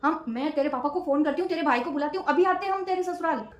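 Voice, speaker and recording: Woman doing a bossy mother-in-law, scolds a lot, high voice, echoey room. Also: fast, lightly acted. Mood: outraged. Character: stern traditional middle-aged mother-in-law. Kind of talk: comedy skit acting.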